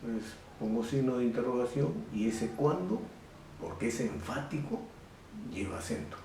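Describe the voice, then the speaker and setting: A man with a Peruvian Spanish accent teaching a recorded grammar lesson to secondary students, slowly and deliberately, repeating his example sentences. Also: medium pitch, mellow, far from the mic. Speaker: secondary school language teacher. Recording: very echoey room, voice off-mic, faint hiss.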